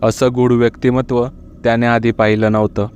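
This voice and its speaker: A man narrating a horror story in a steady, measured reading. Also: medium pitch, muffled recording, a little hiss or hum.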